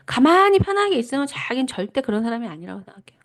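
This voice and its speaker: Earnest woman with lively intonation. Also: sits high, fast talker. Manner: earnest, personal testimony; reflective, with frequent self-corrections. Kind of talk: devotional teaching talk.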